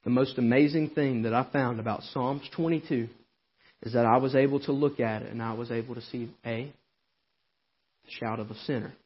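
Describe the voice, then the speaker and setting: A male preacher giving a sermon, swinging between hollering and a quiet, intimate tone. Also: medium pitch, fairly even intonation, normal speed, slightly rough, lo-fi sound. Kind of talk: Southern Baptist-style sermon. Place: church sanctuary.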